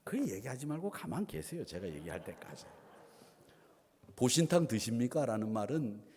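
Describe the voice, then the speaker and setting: A man's voice: on the low side, huge pitch swings, fairly quick, mellow, a little hiss or hum. A male pastor delivering a Sunday sermon, asking the congregation rhetorical questions and mixing in playful asides. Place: church sanctuary. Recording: long church hall reverb.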